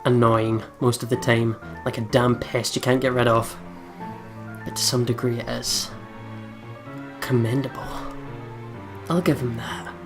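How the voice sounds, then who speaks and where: Game music runs behind a let's play YouTuber as he reads a visual novel aloud in a dramatic style, chatting casually in between. His mid-range voice stays level, moving a little slowly with long pauses.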